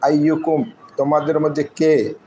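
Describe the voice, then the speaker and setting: A man teaching Quran recitation, spelling the Arabic syllable by syllable in a slow, drawn-out way and reciting short verse phrases. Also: on the high side, monotone, dark tone, highs cut off, a little hiss or hum. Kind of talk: spelling out and reciting Arabic letter by letter in a live class.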